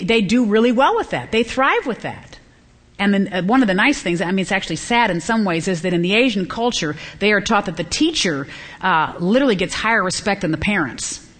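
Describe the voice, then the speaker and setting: A woman's voice: animated, fairly quick, a bit bright. Earnest middle-aged woman giving a Bible teaching. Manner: earnest, rises high and emphatic when stressing a point; acts out quoted children and parents. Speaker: Bible teacher speaking to women.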